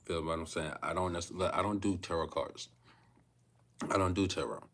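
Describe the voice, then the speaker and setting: A rambling man in his thirties chats loosely to his livestream viewers. His voice sits on the low side, and he circles back on his own phrases again and again. His pace is unhurried and laid-back. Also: fairly bright tone. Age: 30s. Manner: rambling, repeats himself, keeps asking "you feel me". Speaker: vlogger. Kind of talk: casual livestream talk to viewers.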